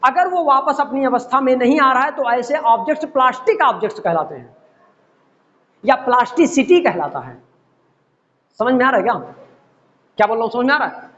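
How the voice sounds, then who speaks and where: A man's voice: very high voice, animated, brisk, long pauses, a bit bright, slight background noise. Male physics teacher lecturing a class. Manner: explains with everyday examples, often checks if students understand. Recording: dull lo-fi classroom recording.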